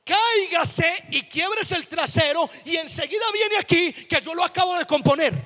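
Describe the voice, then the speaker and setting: Guy putting on a fed-up mom yelling at her kid, high voice, echoey hall. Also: slow pace, heavily acted. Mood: scolding. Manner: shouting, scolding. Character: exasperated scolding mother, nagging.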